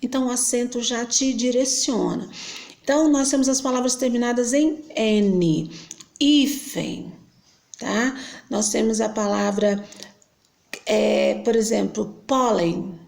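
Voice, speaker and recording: Slow, gravelly-voiced Brazilian teacher woman. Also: fairly high pitch, darkish tone. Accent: Brazilian Portuguese. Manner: patient, explanatory, checks in with tag questions. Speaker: Portuguese teacher. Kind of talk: grammar lesson.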